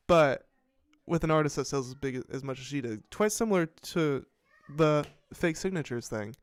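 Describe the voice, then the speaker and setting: A man's voice: fairly high pitch, clean tone, no echo, studio quality. A man hosting a casual commentary show, rambling and swearing as he reads headlines and reacts with frequent restarts. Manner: rambling, profane, self-interrupting. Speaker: podcast host.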